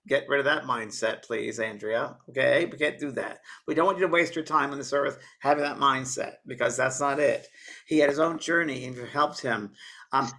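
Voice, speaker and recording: Bright-voiced man giving a psychic reading. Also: mid-range voice. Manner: earnest, coaxing, calls people honey and baby. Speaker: psychic medium. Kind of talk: live mediumship reading.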